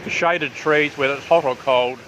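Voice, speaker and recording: A New Zealand man with a New Zealand and Australian accent vlogs his way casually through a restaurant, repeating himself for emphasis, at an outdoor riverside cafe with traffic nearby. His medium-pitched voice is steady, a bit bright, and at normal speed, in a low-quality recording with slight background noise.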